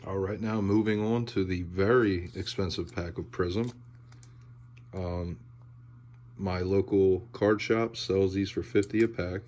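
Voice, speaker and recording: Male hobby-video host, unhurried and low, laid-back commentary, heavy audible breaths between phrases. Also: fairly even intonation, darkish tone, slight background noise. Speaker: host of a sports card pack-opening video. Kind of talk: casual unboxing commentary.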